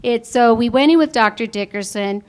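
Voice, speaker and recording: A woman's voice: a little high, moderate pace, a little mellow. A woman giving an earnest personal testimonial to an audience, her voice sometimes tearful. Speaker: insurance member giving a testimonial. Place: before a live audience.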